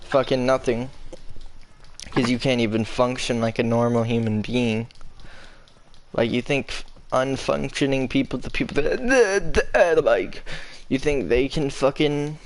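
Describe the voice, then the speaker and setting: A man talks in an unhurried, drawn-out way through a loose podcast chat. He stops and restarts his sentences often and swears heavily, at a middling pitch. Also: a little hiss or hum. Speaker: podcast co-host. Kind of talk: casual chat.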